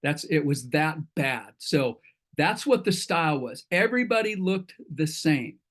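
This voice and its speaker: A man's voice: a little high, animated, unhurried, a bit bright. A middle-aged man hosting an online entrepreneur meetup in a folksy, rambling way, often correcting himself. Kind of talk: casual talk to an online group.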